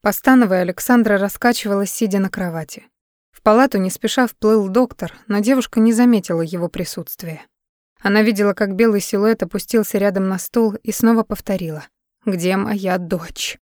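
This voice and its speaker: A woman reading a dramatic novel aloud in steady audiobook narration. Her voice sits at a middle pitch and sounds close and dry, with no room around it. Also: a little fast, no room sound.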